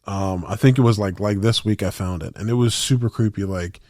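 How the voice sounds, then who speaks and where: A man's voice: on the low side, brisk, darkish tone, dry recording, clean studio sound. A young man on a podcast, telling a story in rambling, slangy casual chat with lots of restarts. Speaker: podcast co-host.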